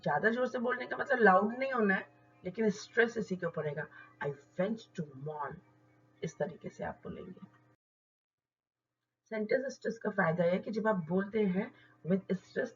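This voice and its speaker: A woman teaching English word stress, explaining step by step and modelling words slowly. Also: mid-range voice, dull audio. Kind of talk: explanatory lesson.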